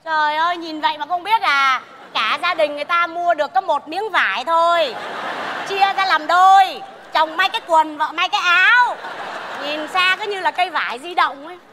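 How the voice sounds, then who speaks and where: A woman's voice: very high-pitched, normal speed, a crowd in the background. A woman playing a bossy, mocking mother in a stage comedy sketch, scolding and teasing. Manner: scolding and teasing, laughing at her own jabs. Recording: reverberant theater hall, faint noise.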